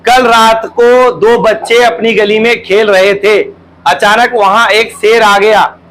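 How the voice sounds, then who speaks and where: A male teacher with a Hindi accent, giving a classroom grammar lesson and dictating sentences slowly with repetition. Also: high voice, fairly even intonation, a bit bright, slight background noise, low-quality recording. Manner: slow, drawn-out dictation with repetition.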